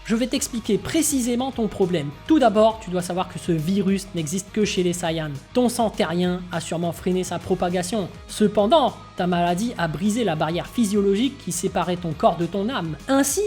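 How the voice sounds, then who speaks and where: Woman voicing old godlike teacher, stern, measured, moralizing, manga reading. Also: on the low side, darkish tone, faint music behind, lightly acted. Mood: stern lecturing. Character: ancient godlike male mentor, calm and lecturing.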